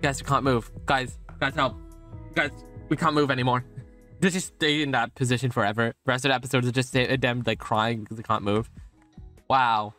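A man's voice: mid-range voice, steady tone, brisk, pushed and bright. A young man streaming a video game, commenting casually with lots of sarcasm, swearing and laughter. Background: faint game music.

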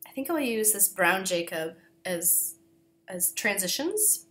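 A woman hosts a knitting podcast, talking casually to the camera with plenty of fillers. She coughs and clears her throat often, apologizing and poking fun at herself as she goes. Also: medium pitch, sing-song, slow, a bit bright. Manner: chatty, self-deprecating, apologetic, with many fillers. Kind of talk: casual chat.

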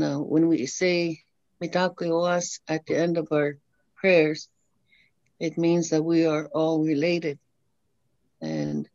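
An older woman whose first language is Dakota, an elder, opens a gathering from a room in her home with prayer, offering a slow, gentle blessing and teaching. She is soft-spoken, pauses often, and her voice sits low. Captured through a laptop webcam on a video call, the audio is dull and dry with no room sound.

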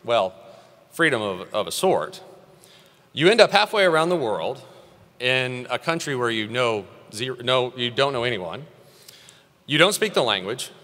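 A man's voice: mid-range voice, very animated, moderate pace, pauses often, pushed and bright. A man in his thirties from Texas giving an earnest, encouraging commencement address at a podium microphone in a large hall. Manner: earnest, encouraging, rising emphasis on key phrases. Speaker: commencement speaker. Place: large hall at a graduation ceremony. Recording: long reverb of a large hall.

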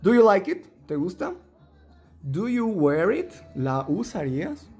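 A man leads a children's English lesson. His voice sits a little high for a man and swings widely in pitch, and he stretches English words slowly for repetition. Soft music plays underneath. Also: slightly rough. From Ecuador. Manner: lively, coaxing, slow and drawn out on English words for repetition. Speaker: English teacher.

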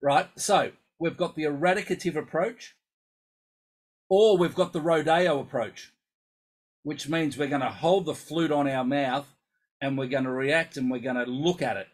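Husky, animated man coaching musicians. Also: a little high, normal speed, poor audio. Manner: animated, emphatic, acts out inner voices. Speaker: coach for musicians with focal dystonia. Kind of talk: casual explanatory talk.

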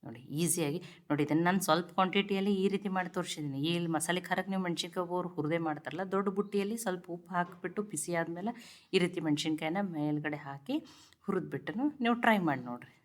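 A woman's voice: lowish voice, rapid-fire. A woman hosts a cooking channel from a home kitchen, showing kitchen tips and urging viewers to look and try them. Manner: instructive, keeps telling viewers to look and try.

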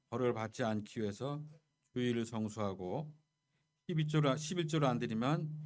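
A male pastor preaching a Sunday sermon in a church, telling stories and speaking directly to the congregation. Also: mid-range voice. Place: church sanctuary.

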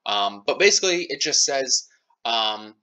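A man's voice: medium pitch, animated, a little slow, pushed and bright, smooth. An American man in a casual opinion rant, speaking in an irritated, blunt way with some swearing. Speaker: card game player and online commentator. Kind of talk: casual opinion rant over screen recording.

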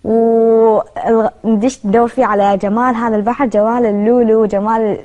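A woman's voice: fairly high pitch, little pitch movement, normal speed, mellow, dull audio. A young woman with a Kuwaiti Gulf Arabic accent, talking conversationally as a guest in a television interview. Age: young adult. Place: television studio.

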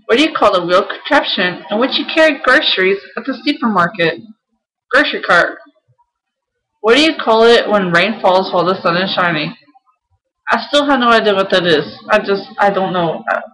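A woman's voice: medium pitch, fairly bright tone, low-quality recording. Offhand young woman. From South Carolina, United States. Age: young adult. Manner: offhand, informal. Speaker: vlogger. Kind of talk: casual chat to camera, reading out a word list. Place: small room at home.

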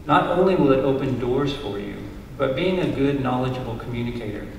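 A man's voice: medium pitch, expressive, brisk, creaky, a little mellow, slight background noise. A middle-aged man reading an earnest, encouraging commencement speech from notes at a stand mic on a stage. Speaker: university lecturer giving a commencement speech. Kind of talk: prepared speech read from notes. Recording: roomy hall sound, heard from a distance.

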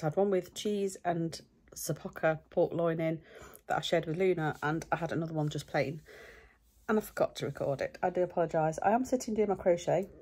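Chatty middle-aged woman, low voice. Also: a little mellow, breathy edge. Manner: chatty, rambling, self-deprecating. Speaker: vlogger. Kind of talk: casual chat to camera. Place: home and back garden.

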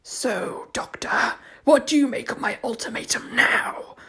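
A woman's voice: a little high, gravelly, a bit bright, slightly rough, full character voice. Woman whispering as a sinister alien creature. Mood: gloating. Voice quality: whispered, sour and wet. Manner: slow, menacing. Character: sinister shape-shifting alien creature, cold and gloating.

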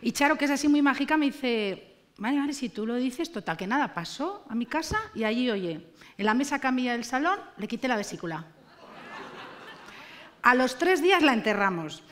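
A woman, performing a stand-up comedy monologue on a TV stage, animated and ironic. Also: high-pitched, normal speed. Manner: animated, ironic, acts out characters. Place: TV studio stage with live audience.

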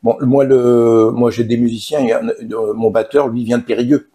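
A man, a singer from western France, chatting in an interview in a relaxed, halting way with many fillers and restarts. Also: mid-range voice, breathy edge. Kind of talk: casual interview chat.

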